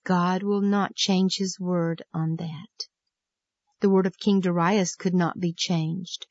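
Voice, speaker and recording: A woman narrating a Bible story for children in an earnest, gently emphatic storytelling manner. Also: on the low side, fairly even intonation, slow pace, no room sound. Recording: dull lo-fi, dry.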